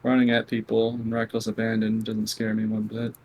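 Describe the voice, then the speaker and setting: Male gamer guest, monotone and blunt, candid halting answers. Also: fairly low pitch, a little hiss or hum, poor audio. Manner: quiet, near whispering at times. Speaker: interview guest, competitive gamer. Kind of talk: candid conversational interview.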